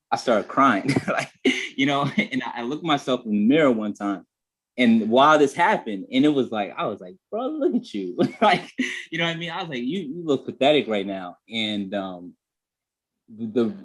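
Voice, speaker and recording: A man on a group video call telling a candid personal story in a reflective way, full of "you know" fillers. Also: mid-range voice. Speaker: guest.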